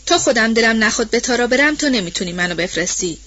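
A fussing, stubborn old nanny, put on by a woman reader scolds in a homely, colloquial storybook voice. Her voice sits fairly high. The recording sounds dull and lo-fi. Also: animated, a bit bright. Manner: colloquial, nagging and protective.

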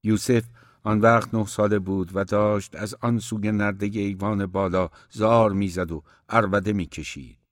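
A man reading a novel aloud as an audiobook narrator, in a measured, even storytelling manner. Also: fairly low pitch, no room sound, clean studio sound.

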